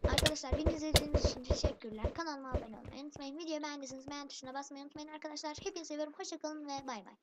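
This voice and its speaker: A woman's voice: high voice, fairly even intonation, racing, hardly any pauses. A woman commentating her own game for a channel, irritated and complaining, calling rivals noobs. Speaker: gaming channel host. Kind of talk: let's play commentary. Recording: noisy background hiss.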